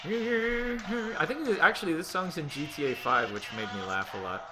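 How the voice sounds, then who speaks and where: A man's voice: medium pitch, sing-song, fast talker, low-quality recording. An American man giving casual, joking, self-mocking commentary as the creator of a game. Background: music and game dialogue.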